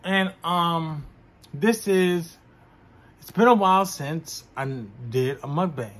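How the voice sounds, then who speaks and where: A young man, a vlogger, talking casually to his viewers from his own room, slow and full of "um" fillers. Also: on the high side, fairly bright tone. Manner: talks slowly with frequent "um" fillers. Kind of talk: casual mukbang vlog chat.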